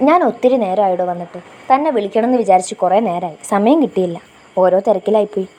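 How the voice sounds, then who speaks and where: A woman reading a story aloud, voicing a reserved young man on a phone call who speaks briefly with gentle teasing. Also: mid-range voice, fast talker, close to an everyday voice. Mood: casual.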